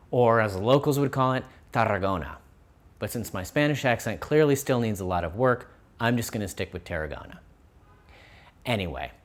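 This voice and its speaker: A man hosting his travel vlog, narrating in an upbeat, friendly storytelling way with light self-deprecating humor. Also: medium pitch. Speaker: host.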